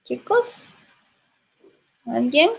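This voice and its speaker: A woman's voice: high-pitched, sing-song, extremely slow, creaky. A woman with a Guatemalan Spanish accent teaching literature in an online class, patiently prompting students with questions.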